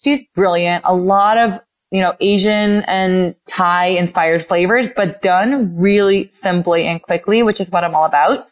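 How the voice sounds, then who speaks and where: A woman's voice: on the low side, a little slow, hardly any pauses. Gushing woman talking food and gadgets. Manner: enthusiastic, gushing, lots of "like" and "oh my God". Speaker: guest, cooking mom. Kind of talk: casual interview chat. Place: Los Angeles.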